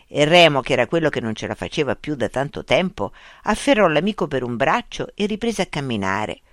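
A narrator reading a children's adventure story aloud in a lively, expressive way. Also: mid-range voice, dry recording, studio quality.

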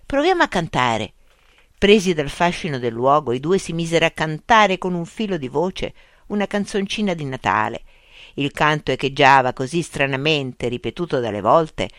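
A narrator reading a children's adventure story aloud in a lively, expressive way. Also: medium pitch, dry recording, studio quality.

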